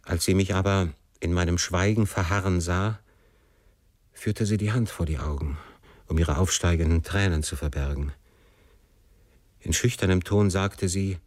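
A man narrating a classic novel in the first person, with measured, emotive storytelling. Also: low-pitched, a little mellow, no room sound, clean studio sound. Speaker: audiobook narrator.

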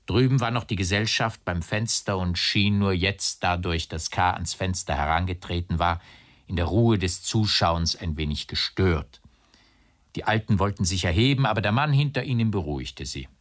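A man giving an expressive, dramatic reading of a literary text as an audiobook narrator. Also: low voice, normal speed. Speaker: audiobook reader.

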